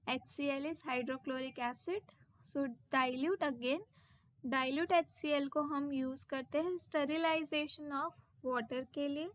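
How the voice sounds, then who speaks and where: A woman teaching a science lesson in a high, light voice, taking her time over each point. She reads the English terms out slowly and deliberately. The sound is dry and close, with no room around it. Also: fairly even intonation, no room sound. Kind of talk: textbook lesson explanation.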